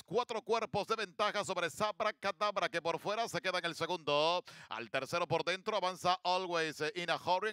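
A male horse race announcer with a high, bright voice. His delivery is crisp and clear, recorded dry and close. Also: no room sound. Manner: rapid, rising to excited calling at the finish. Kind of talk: live race commentary.

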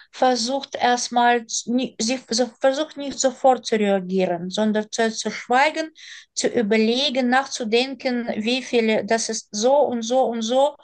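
A woman talks over a video call, her voice a little high. She restarts phrases as she searches for the right German word. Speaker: participant speaking in German as a second language.

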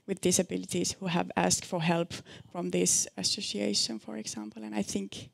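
Gravelly, flat-toned woman presenter. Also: lowish voice, normal speed, no echo. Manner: hesitant, many fillers and restarts. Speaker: researcher presenting a study. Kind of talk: answering audience questions at a seminar. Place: seminar room with an audience.

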